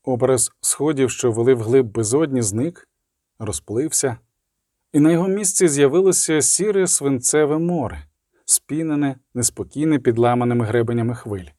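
A man reading fiction aloud as an audiobook narrator in measured, scripted storytelling. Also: mid-range voice, dark tone, no room sound, clean studio sound.

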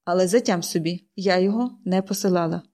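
A woman's voice: lowish voice, fast talker, a little mellow. A woman reading an audiobook, voicing a cold, stern middle-aged aunt who speaks curtly. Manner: cold, curt. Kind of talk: audiobook character voice.

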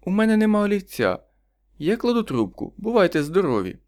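A man's voice: high-pitched, sing-song, fairly quick, a little mellow, voice pushed up. A man reading an audiobook, voicing a spiteful, gossiping woman neighbor with a sly, sneering manner.

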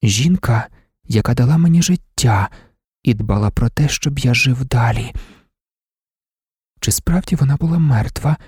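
A man reading an audiobook in a measured, quiet first-person storytelling manner. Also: medium pitch, breathy edge, no echo, clean studio sound. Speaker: narrator. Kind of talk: audiobook narration.

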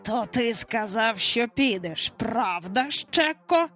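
A woman narrator voicing a menacing male pirate captain with an iron hook, who talks with cold, mock-gentle threat. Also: sits high, lively intonation, slow, faint music behind, pitched above the performer's own voice, heavily acted. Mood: mock-gentle menace.

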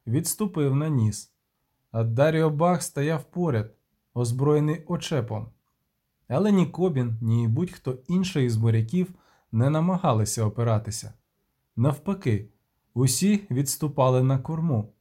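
A male audiobook narrator who reads at a steady, measured pace. His voice sits a little above average in pitch and sounds dark and mellow.

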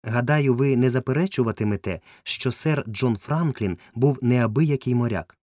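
A man's voice: medium pitch, moderate pace, no room sound, clean studio sound, voice pushed up, natural voice. A man doing a fussy, raised-voice male entomologist. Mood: pedantic, indignant. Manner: indignant, pedantic, excitable.

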